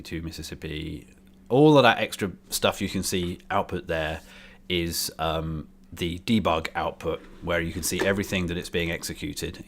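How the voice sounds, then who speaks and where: A British man with a low voice talks through his programming in a casual, halting way, thinking aloud as he goes. He is indoors on a desk microphone, with some background noise around him. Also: gravelly. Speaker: programmer live-streaming. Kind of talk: casual live coding commentary. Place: indoors by a window. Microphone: desk microphone, bidirectional. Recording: keyboard and street noise behind.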